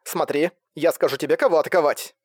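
A man's voice: on the high side, steady tone, fast talker, dry recording, clean studio sound, lightly acted. A man voicing an urgent, commanding young woman giving orders over a radio link in an audiobook. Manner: commanding, insistent.

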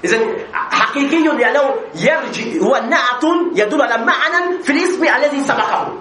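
A man's voice: very high voice, animated, normal speed. A man teaching an Arabic grammar class as a sheikh, asking questions, answering them himself and repeating example phrases. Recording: echoey room with faint background noise.

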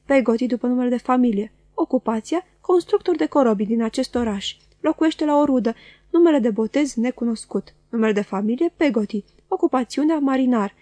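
A woman voicing a self-assured young gentleman who speaks in a smooth, mocking way, in a storybook reading. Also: on the high side, expressive, no echo. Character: suave, confident young gentleman.

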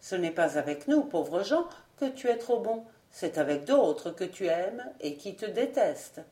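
A woman voicing a strange young albino man who speaks gently and sadly, in a roomy-sounding audiobook. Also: medium pitch, expressive, unhurried, natural voice. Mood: melancholy. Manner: gentle, melancholy. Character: young albino man, wild, soft and melancholy.

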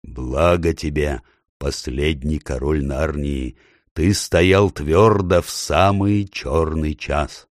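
A man voicing a great golden lion, calm and majestic, speaking slowly and solemnly. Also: very deep voice, no room sound, studio quality. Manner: slow, solemn.

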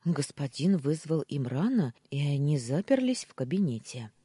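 A woman voicing a caring young female housemaid friend who speaks in a gentle, probing, calmly teasing way. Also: sits low, moderate pace, breathy edge, no echo, studio quality, heavily acted.

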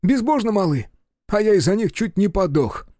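A sulky, hot-headed young baron, voiced by a male reader, loud and raised in pitch, bursting out in indignant complaints. The recording is close and dry. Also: lively intonation, moderate pace, dry recording.

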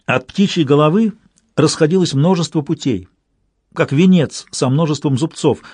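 A man reading a story aloud in measured, scripted narration. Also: a little high, darkish tone, husky, dry recording. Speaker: audiobook reader.

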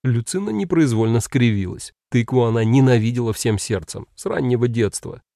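A man narrating an audiobook in an expressive storytelling style. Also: medium pitch, normal speed, no echo, clean studio sound. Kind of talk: scripted narration.

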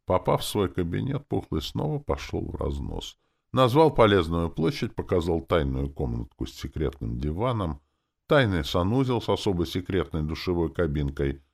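Deep creaky audiobook narrator, man. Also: very animated, normal speed. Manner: wry, sardonic. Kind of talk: first-person story narration.

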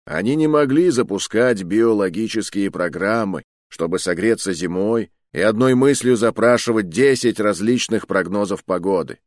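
A man's voice: fairly low pitch, normal speed, hardly any pauses, no echo, clean studio sound, natural voice. A man voicing a thundering adult male mentor who gives a grand, declamatory speech to young trainees in an audiobook. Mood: declaiming.

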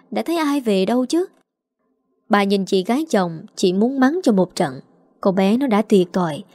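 A woman reading a village drama story aloud in a steady, expressive way. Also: mid-range voice, no echo. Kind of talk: audiobook story narration. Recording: dry close mic with faint music.

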